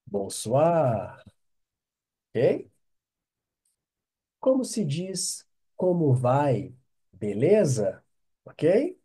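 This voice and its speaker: A man's voice: on the high side, huge pitch swings, extremely slow, pauses often, dark tone, breathy edge. A Brazilian man with a Brazilian Portuguese accent teaching an online French lesson, patiently drilling phrases and checking with "ok?".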